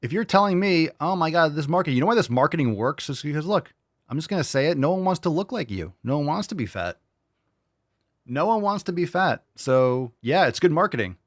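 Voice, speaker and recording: A man's voice: a little high, big pitch swings, fairly quick, no room sound, clean studio sound. Blunt, profane male commentary host. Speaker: show host. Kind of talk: casual live commentary.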